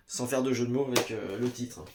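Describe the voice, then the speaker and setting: Man, slow casual home vlogger, halting with fillers. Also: medium pitch, background noise. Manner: hesitant, many "euh" fillers, addresses viewer as "tu". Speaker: vlogger reviewing VHS tapes. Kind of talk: casual chat to camera. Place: home basement. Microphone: camera in front.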